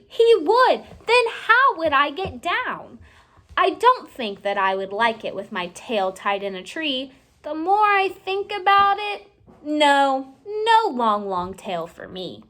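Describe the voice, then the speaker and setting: With a high, animated voice, a woman reads aloud from a storybook the way a teacher would for children. Her phrasing is slow and deliberate, and she elongates words to suit a young audience.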